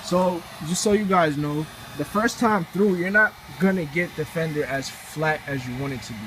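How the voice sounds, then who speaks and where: A man's voice: fairly high pitch, normal speed. A young man hosting a car channel, explaining a how-to in a laid-back, rambling way with fillers. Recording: noisy background with vehicle sounds.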